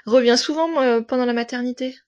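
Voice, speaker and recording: Une femme qui anime un podcast et mène l'entretien de façon décontractée, avec de courtes relances et des questions. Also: female voice, on the high side, fairly quick, lo-fi sound. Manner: brief affirming interjections and questions. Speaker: podcast host. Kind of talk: casual interview talk.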